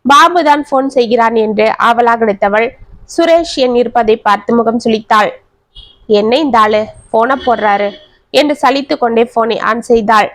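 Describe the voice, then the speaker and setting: A woman narrating a family story in a steady storytelling manner. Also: a little high, no room sound.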